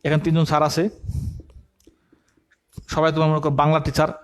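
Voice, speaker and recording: A man's voice: fairly high pitch, completely flat delivery, fairly quick, clear, resonant tone. A man teaching an admission coaching lecture, dictating notes and asking the class questions he answers himself. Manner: asks the class questions and answers them himself, repeats key terms; uses everyday comparisons to explain.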